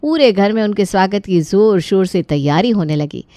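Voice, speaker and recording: A woman's voice: medium pitch, expressive, moderate pace, warm tone, no room sound. A woman narrating a cartoon family story in a chatty way, speaking to the listeners. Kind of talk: scripted narration.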